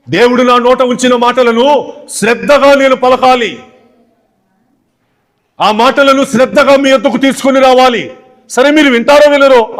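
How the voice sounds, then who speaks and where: High-voiced pastor preaching emphatically. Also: male voice, fairly bright tone. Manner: emphatic, repetitive preaching with rhetorical questions. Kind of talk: sermon. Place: church watch night service.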